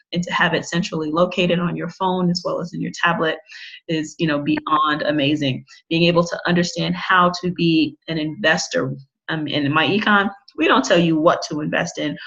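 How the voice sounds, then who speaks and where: A woman's voice: low voice, creaky, fairly bright tone, highs cut off. A woman in her thirties hosting an online business orientation meeting, talking in an upbeat, promotional way. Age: 30s. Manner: upbeat, promotional, spells out contact details slowly. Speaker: business boot camp host.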